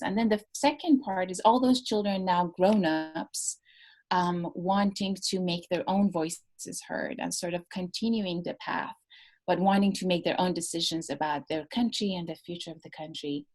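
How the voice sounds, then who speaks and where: Woman guest on a video call, lowish voice, lots of ums, thinks as she talks. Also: normal speed, darkish tone. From United States (born in Iran). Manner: thoughtful, many ums and restarts. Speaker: novelist guest. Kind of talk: casual interview talk.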